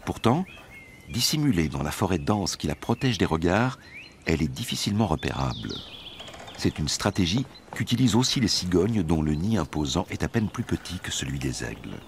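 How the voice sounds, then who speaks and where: A man with a low-pitched voice narrates a nature documentary. His scripted delivery is measured and tells a story, with lively, wide-moving intonation. Faint birdsong and outdoor ambience sit behind him. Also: slight background noise.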